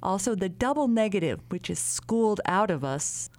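Female radio reporter, measured narration, mid-pitched voice, dry booth sound. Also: expressive, a little mellow, no room sound. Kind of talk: scripted narration.

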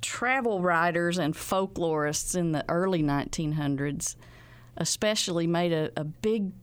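A woman's voice: fairly low pitch, unhurried, smooth, dry recording. A woman from the Arkansas Ozarks with an Ozark hill twang, talking informally in an interview in a folksy way with homespun rural expressions. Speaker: museum outreach coordinator and dialect expert. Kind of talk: informal interview talk about folk dialect.

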